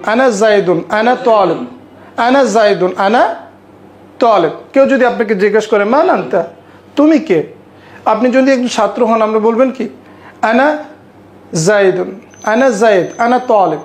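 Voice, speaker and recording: A woman with a fairly high, bright voice leads a language lesson. She speaks patiently, says each phrase slowly and repeats it. She keeps checking that her listeners follow along. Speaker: Arabic language teacher.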